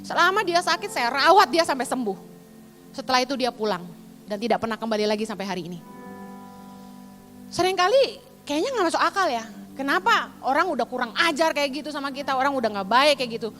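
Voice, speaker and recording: A woman preaches in a bright, high voice, telling a story with animated, dramatic bursts. Her voice rings with the long reverb of a large hall. Soft music plays faintly behind her. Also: fairly quick. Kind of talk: sermon with personal testimony.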